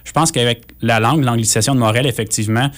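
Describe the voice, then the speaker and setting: A man with a Québécois French accent talks through politics in a casual discussion, explaining in a measured, hesitant way. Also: medium pitch, fairly even intonation, fairly bright tone. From Quebec, Canada.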